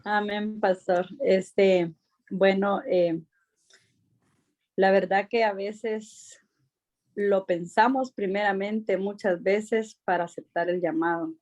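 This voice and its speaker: A woman's voice: medium pitch, fairly even intonation, slow, a little mellow, muffled recording. A woman in a church group sharing her thoughts earnestly and reflectively, with fillers.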